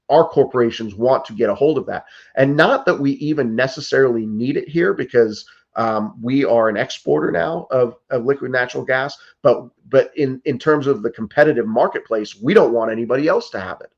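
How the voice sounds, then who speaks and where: A political candidate in his fifties from the United States answers interview questions earnestly and urgently, often restarting and filling gaps with "like" and "you know." His medium-pitched voice has a darkish tone and a moderate pace, and the highs are cut off in the recording.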